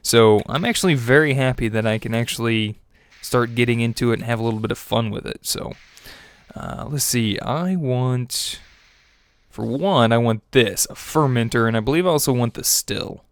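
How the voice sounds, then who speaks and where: Speaking at a normal speed and medium pitch, a young man with a stuffy nose narrates his own gameplay in an easygoing let's-play style. There's no echo, just faint background music. His tone stays chatty and upbeat, dotted with fillers and small laughs.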